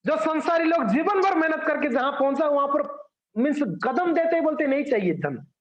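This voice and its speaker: A man's voice: very high-pitched, normal speed. A man preaching a sermon, telling stories and speaking directly to his listeners. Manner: storytelling, animated, addresses listeners directly. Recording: echoey room, dull sound.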